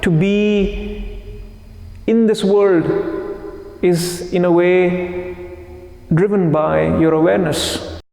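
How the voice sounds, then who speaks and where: A man leading a live meditation group, talking slowly and calmly, asking the group questions and repeating their answers back. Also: high-pitched, gravelly, reverberant, big-room sound. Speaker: meditation teacher. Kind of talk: live guided meditation talk.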